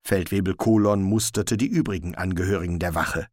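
A man narrating an audiobook in a slow, expressive reading. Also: sits low, no room sound, studio quality.

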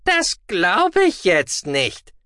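A man's voice: unhurried, no room sound, clean studio sound, exaggerated voice. A man voicing a small, cheeky, furry male alien who is telepathic, for an audiobook. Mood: excited. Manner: high, excitable, defensive. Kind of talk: audiobook reading.

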